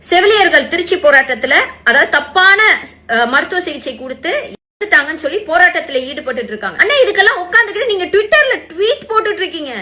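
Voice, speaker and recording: A woman's voice: extremely high pitch, pushed and bright. A woman, giving an indignant political rant full of rhetorical questions in a social media video.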